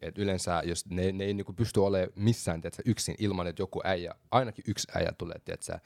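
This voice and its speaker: A young man co-hosting a podcast in casual chat, animated and slangy, dropping English phrases. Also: sits low, vocal fry, no echo, clean studio sound. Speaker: podcast co-host.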